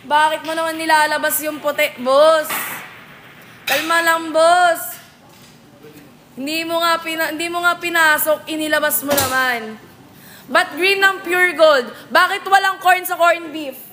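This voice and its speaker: Very high-voiced woman bantering on a live stream. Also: fairly even intonation, bright, forceful tone, slight background noise. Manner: playful, teasing banter with quick comebacks. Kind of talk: casual live-stream chat, answering viewer comments. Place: billiards venue.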